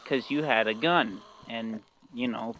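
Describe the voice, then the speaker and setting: A man's voice: mid-range voice, measured pace, a bit bright, a little hiss or hum. Jumpy, swearing gamer man on voice chat. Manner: joking, jumpy, swears casually. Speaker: gamer streamer. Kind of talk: in-game voice chat.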